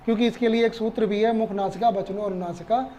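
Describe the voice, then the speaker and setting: एक पुरुष शिक्षक जो धैर्य से पाठ समझाता है, बातें दोहराता है और खुद से सवाल पूछता है।. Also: male voice, sits high, steady tone, fast, dark tone, a little hiss or hum. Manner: patient, repeats points and asks rhetorical questions. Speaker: Sanskrit teacher. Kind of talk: explaining lesson.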